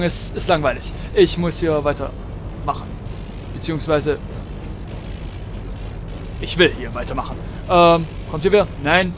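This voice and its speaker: A man's voice: high-pitched, a little hiss or hum. A man giving chatty commentary while playing a shooter game, humming and chanting while he shoots and exclaiming often. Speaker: let's player. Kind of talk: gameplay commentary.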